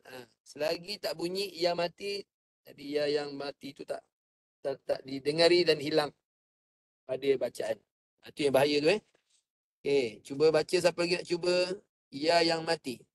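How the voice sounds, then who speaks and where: A man teaching Quran recitation. He explains each point calmly and sings the verses in a drawn-out chant for students to copy. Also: on the high side, no echo. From Malaysia. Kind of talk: slow patient recitation lesson. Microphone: online class microphone.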